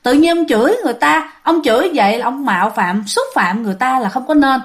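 A woman's voice: sits high, fast, close to an everyday voice. A woman with a Southern Vietnamese accent voicing a middle-aged village wife who scolds and pleads with her husband in a ghost story. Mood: pleading.

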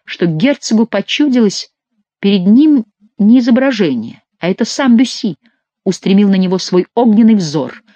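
An audiobook narrator reading a historical novel in an expressive, theatrical way. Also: mid-range voice, normal speed, no room sound, lo-fi sound.

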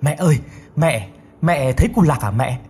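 A man's voice: animated, moderate pace, a little mellow, lightly acted. A man doing a wailing, frantic young mother. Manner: wailing, high-pitched, frantic. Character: distraught young mother wailing for lost son.

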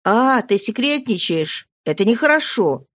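A woman's voice: fairly high pitch, big pitch swings, measured pace, a bit bright, heavily acted. Woman reading an insistent, caring young friend. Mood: coaxing. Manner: coaxing and teasing. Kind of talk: audiobook reading.

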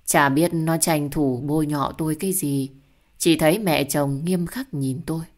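Woman reading a dramatic story out loud, low voice, emotional. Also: moderate pace. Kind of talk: first-person story narration.

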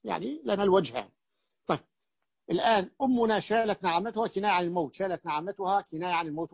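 A man teaching a class, explaining a classical grammar text, questioning his students and repeating points with halting restarts. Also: high voice, no room sound. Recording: dull, dry lo-fi recording.

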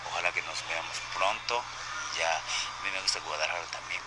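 A man with a deep voice and a Japanese accent speaks Spanish haltingly, full of fillers and restarts. He comes through a phone line under loud noise. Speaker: guest wrestler. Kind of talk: phone interview.

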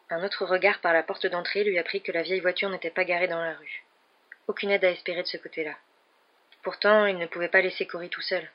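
A woman reader narrating a novel in an even, measured audiobook reading. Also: lowish voice. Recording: dull lo-fi recording.

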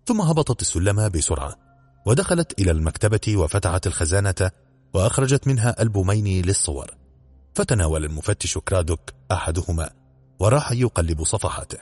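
Deep husky male storyteller. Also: animated, fast talker, darkish tone, dry recording, soft background music. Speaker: narrator. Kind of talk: audiobook narration of a detective story.

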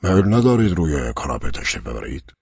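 A man's voice: rumbling low, sing-song, creaky, a little mellow, slightly rough, dry recording, pitched above the performer's own voice, heavily acted. A man doing an eager, fussy manservant. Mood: obliging. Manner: eager, raised, quick. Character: eager young male manservant, fussy and obliging. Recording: dull lo-fi recording.

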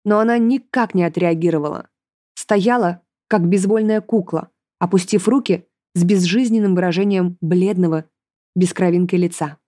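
A woman narrating a fantasy novel in the first person, in measured, even storytelling. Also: fairly low pitch, no echo, studio quality. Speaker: audiobook narrator.

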